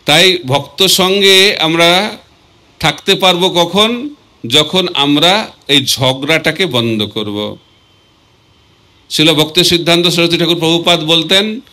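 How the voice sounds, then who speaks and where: A man giving a devotional sermon, asking rhetorical questions and reciting verses slowly. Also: fairly high pitch, bright, forceful tone. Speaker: swami preacher.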